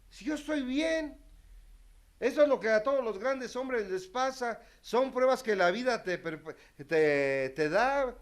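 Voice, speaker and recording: Man, testimonial talk, higher-pitched, frank and wry, big swings in volume. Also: expressive, measured pace, few pauses. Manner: candid, self-mocking, dramatic swings in loudness. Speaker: speaker sharing his recovery story.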